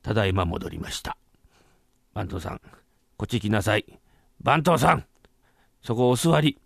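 A man voicing a stingy old merchant master in a rakugo story, low and lecturing. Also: takes it slowly, gravelly, no echo, clean studio sound, full character voice. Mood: scolding.

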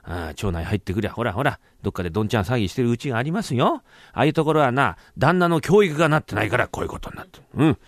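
A man voicing a stingy old merchant master in a rakugo story, low and lecturing. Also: expressive, racing, no room sound, clean studio sound. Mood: grumbling.

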